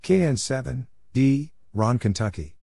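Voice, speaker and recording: A man with a mid-range, gravelly voice narrates Morse code practice, reading radio exchanges as a drill in short, isolated phrases and spelling out letters and numbers one at a time. His intonation is lively, his pace measured, and his warm tone is slightly rough. The recording is clean studio quality with no echo.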